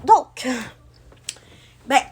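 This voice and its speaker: A young Quebec vlogger chats casually to camera, rambling and using plenty of fillers. Her Quebec French accent carries some France-style features, and her slightly mellow voice draws out its words.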